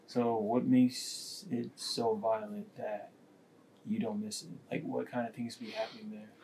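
Flat-voiced young man asking questions. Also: fairly low pitch, unhurried, vocal fry, slight background noise, poor audio. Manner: reads short questions plainly. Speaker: student interviewer. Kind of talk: oral history interview.

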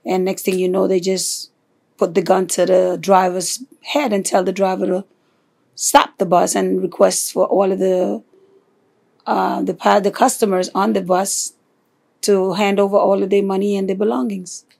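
Soft-spoken woman from Honduras, slightly gravelly. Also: mid-range voice, flat delivery, normal speed. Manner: soft-spoken, hesitant, many fillers. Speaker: interviewee. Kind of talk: oral history interview.

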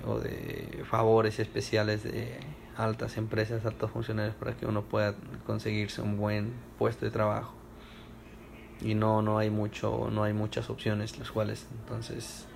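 A young man from Ecuador answers oral history questions at home in a fairly low, creaky voice, hesitating with many fillers and restarts. There's slight background noise.

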